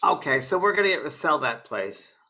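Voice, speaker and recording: Bright-voiced man giving a psychic reading. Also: mid-range voice, sing-song, moderate pace. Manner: earnest, coaxing, calls people honey and baby. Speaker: psychic medium. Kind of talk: live mediumship reading.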